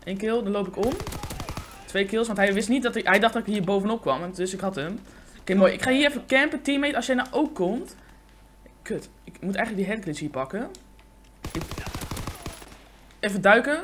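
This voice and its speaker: A man giving live, excitable gameplay commentary, swearing often and talking in slang into a condenser microphone. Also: high-pitched, brisk, long pauses, noisy background. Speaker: gaming YouTuber. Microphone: USB condenser microphone.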